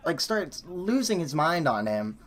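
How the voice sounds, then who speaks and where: A man's voice: on the high side, sing-song, unhurried. A man streaming live, chatting casually and telling a long story with many fillers and restarts while he types. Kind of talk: casual chat while building a coaster in a game.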